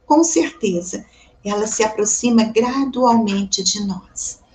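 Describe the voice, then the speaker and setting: Calm Brazilian woman giving a spiritual reflection. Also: medium pitch, slow pace. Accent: Brazilian Portuguese. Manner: calm, reflective, asks the audience rhetorical questions; addresses listeners warmly as "gente". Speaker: Spiritist lecturer. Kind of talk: devotional reflection talk.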